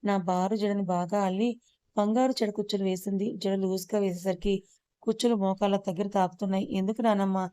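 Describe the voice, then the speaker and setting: Woman narrator for an audio story: steady, level delivery, soft warm tone, smooth and clean, dry close sound. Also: medium pitch, fairly quick, no echo.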